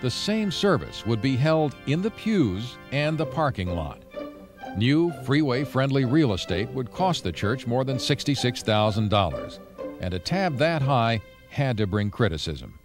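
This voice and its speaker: A man giving scripted documentary narration in a measured storytelling delivery. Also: mid-range voice, big pitch swings, music in the background.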